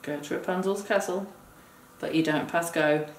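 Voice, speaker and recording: At a table indoors, a woman with a fairly low, steady voice walks her partner through a board game at a moderate pace. She explains each step like a teacher and counts aloud, captured by a distant, noisy mic in a roomy space.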